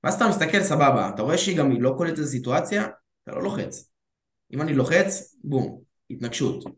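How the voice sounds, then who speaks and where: A man's voice: fairly high pitch, expressive, fairly bright tone. A man talking as a dating coach in casual chat, calling his listener bro and acting out bits of dialogue. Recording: roomy echo.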